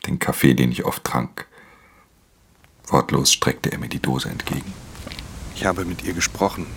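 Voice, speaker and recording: In a radio drama, an actor with a very deep, gravelly voice plays a weary, hard-edged thief telling his own crime story through first-person narration and dialogue. His delivery is terse, subdued and earnest, at a moderate pace with a fairly bright tone. There's slight background noise.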